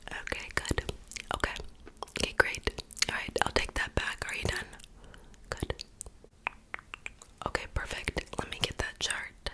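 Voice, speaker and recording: Playing a piercer in an ASMR role-play, a woman speaks in an unvoiced, breathy whisper. Her manner is soft, casual and reassuring, a little slow, with long pauses.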